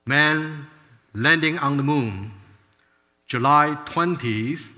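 Man in his 60s from Taiwan, earnest testimony storyteller, bright tone, big reverberant hall. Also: on the high side, slow pace. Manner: earnest storytelling with frequent restarts. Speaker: former space scientist giving a testimony. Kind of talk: personal testimony talk.

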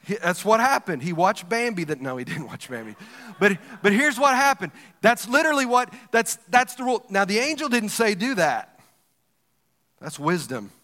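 A male pastor preaching a lively, joking sermon and talking directly to the congregation in a church hall. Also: high voice, fairly quick. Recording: long reverb of a large hall.

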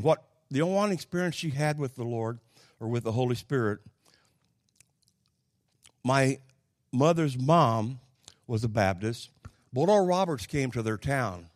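An older man with an Oklahoma accent delivering a folksy sermon with personal stories, halting and plainspoken, moving between hushed asides and loud, emphatic lines. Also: mid-range voice, dry recording, studio quality. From Oklahoma, United States. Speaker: Pentecostal preacher.

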